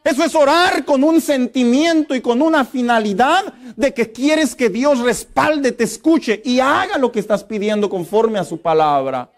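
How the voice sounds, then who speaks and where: A middle-aged male pastor, preaching a lively, humorous sermon and acting out quotes. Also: very high voice, normal speed, hardly any pauses.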